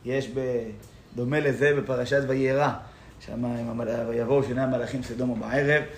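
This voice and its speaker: A man teaching a Torah class in a synagogue, explaining points of law in an animated way and laughing as he tells stories. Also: medium pitch. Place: synagogue hall. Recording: echoey room.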